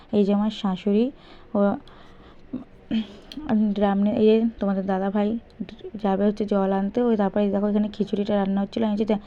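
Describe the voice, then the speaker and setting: A young woman vlogging in a casual, chatty way, repeatedly talking straight to her viewers. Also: mid-range voice. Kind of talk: casual vlog narration. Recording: dull lo-fi sound.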